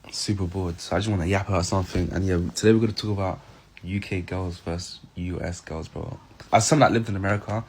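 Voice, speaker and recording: A young man chats casually to camera, rambling and filling his talk with "like" and "bro". His voice is low with a husky grain. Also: darkish tone. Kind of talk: casual vlog chat.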